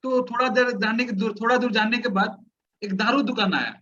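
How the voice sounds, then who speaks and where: A man with a very high, sharp voice tells a story to a church seminar crowd. He acts out what other people said as he goes. The recording is dull and lo-fi, with faint noise behind it. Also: brisk. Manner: animated, acts out others' lines. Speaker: speaker at a Bible seminar. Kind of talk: storytelling anecdote.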